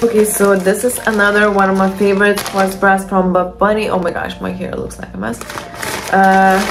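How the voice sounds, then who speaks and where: Chatty young woman reviewing gym clothes. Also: medium pitch. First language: Lithuanian. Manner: chatty, enthusiastic, with many restarts and ums. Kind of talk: casual try-on haul talk. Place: bedroom at home.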